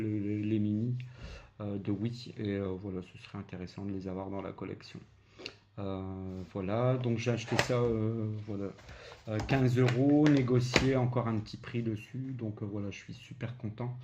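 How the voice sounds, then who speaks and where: A man's voice: fairly low pitch, darkish tone. A man with a Belgian French accent casually showing his flea market video game finds, hesitant with many filler sounds. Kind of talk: casual vlog commentary. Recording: dull lo-fi home recording with noise.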